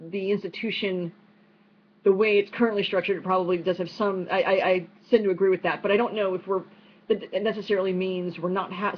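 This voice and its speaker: A woman with a New York accent answering audience questions online in a quick, chatty way, full of fillers and restarts. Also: lowish voice. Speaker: speaker at an online unconference. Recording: dull lo-fi stream with faint noise.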